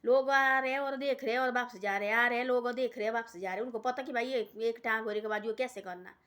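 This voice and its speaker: A woman's voice: a little high, fairly even intonation, quick pace, fairly bright tone. A woman telling a folk tale in a casual, rambling way, repeating herself and tossing in "bhai" between phrases. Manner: rambling, repetitive, peppered with "bhai". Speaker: storyteller. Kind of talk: casual oral folk storytelling.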